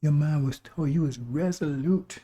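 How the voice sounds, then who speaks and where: Hoarse, very muffled-toned male preacher. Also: fairly high pitch, moderate pace, mellow. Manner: exhorting, repetitive, with rhetorical questions. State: recovering voice. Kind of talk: sermon.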